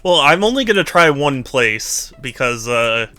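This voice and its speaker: A man live streaming games, chatting casually with viewers in a playful, animated, teasing way. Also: mid-range voice, a little slow, dry recording. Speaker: video game live streamer. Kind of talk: casual chat with viewers while gaming.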